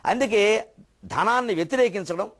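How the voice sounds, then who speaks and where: An older man delivers a spiritual discourse in a somewhat high voice. He scolds with indignation and piles up rhetorical questions. Now and then he slows to chant a verse. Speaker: spiritual orator. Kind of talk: Telugu religious discourse.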